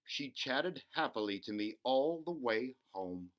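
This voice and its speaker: A man's voice: medium pitch, expressive, a little slow, fairly bright tone. Man acting a weary, downhearted storybook dad. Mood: weary, hopeful. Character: downhearted jobless father narrating a picture book.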